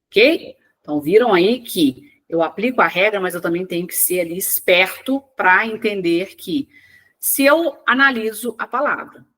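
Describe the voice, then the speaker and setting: A woman teaching an exam-prep lesson online, working through questions word by word, asking and answering her own questions and stretching key words out slowly. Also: mid-range voice, animated, fairly bright tone. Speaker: Portuguese teacher.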